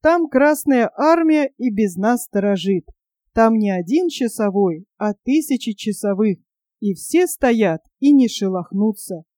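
A sensible young boy from a storybook, steady and a little condescending, quick to scold, as a woman voices him. The voice is fairly high and mellow, close-miked and dry. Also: dry recording. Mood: reassuring. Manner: reassuring, then scolding.

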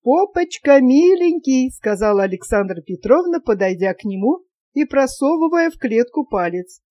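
A woman reading a classic story aloud in an even, measured storytelling manner. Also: medium pitch, no echo. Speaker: audiobook narrator. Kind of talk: literary narration.

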